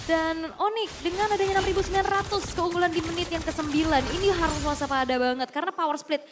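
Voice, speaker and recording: A woman's voice: extremely high pitch, fairly even intonation, fast, noisy background. A woman giving live commentary on an esports match as a caster. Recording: music behind the voice. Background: music.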